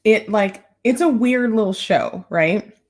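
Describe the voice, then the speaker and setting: A woman's voice: medium pitch, takes it slowly, a little mellow. A woman hosting a casual live stream from her home, chatty and playful, a little out of breath and calling her viewers y'all. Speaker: style vlogger hosting a live Q&A.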